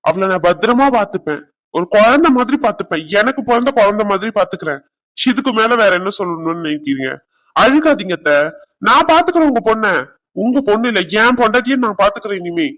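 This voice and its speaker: A man's voice: sits high, animated, fast talker, a bit bright. A man voicing bickering young men in a cartoon, one of them a drunk friend, another a groom.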